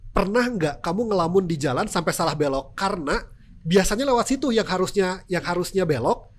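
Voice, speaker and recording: Speaking a little fast in a high-pitched, expressive voice, this TV news presenter talks about his presenting work as a guest on a podcast. He has a Sundanese accent, Sundanese being his native language, and keeps the interview casual while acting out examples.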